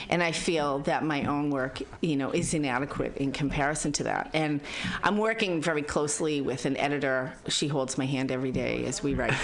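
A woman in her fifties with a Boston accent, talking candidly and reflectively as an interview guest, earnest and a bit blunt. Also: low-pitched. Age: 50s. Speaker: interview guest, psychologist and spiritual teacher. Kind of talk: conversational, reflective interview talk.

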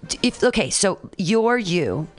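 A woman's voice: mid-range voice, sing-song, measured pace, soft background music. A woman in her forties chatting casually as a co-host, frank and crude, joking as she talks. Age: 40s. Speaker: podcast co-host. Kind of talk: casual chat.

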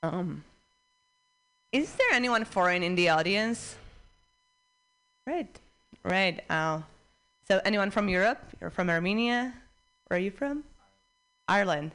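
A young woman from the Czech Republic with a Czech accent, doing a stand-up set at a comedy club in a dry, deadpan way. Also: mid-range voice, a little slow, long pauses.

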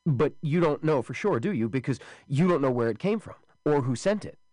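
A man voicing a frightened, defensive grown man who pleads in an agitated, rushed way. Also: medium pitch, expressive, darkish tone, no room sound, studio quality, pitched above the performer's own voice, close to an everyday voice. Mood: agitated pleading.

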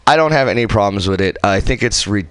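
A man's voice: lowish voice, lively intonation, fast talker, a bit bright, clear, resonant tone, no room sound. A man in his thirties from Southern California, chatting casually and self-deprecatingly as a radio guest. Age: 30s.

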